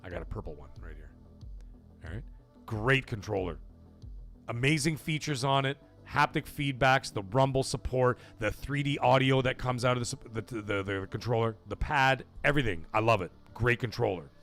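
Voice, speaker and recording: Speaking at normal speed in a mid-range voice, this gaming streamer reads out super chats, gives forceful opinions laced with profanity, and turns loud when shouting out donations. Soft music plays in the background.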